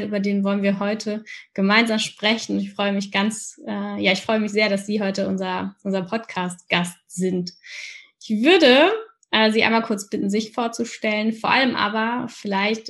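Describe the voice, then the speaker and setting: A woman's voice: mid-range voice, fairly bright tone. A woman hosting a podcast interview, friendly and chatty, often restarting her sentences. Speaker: podcast host.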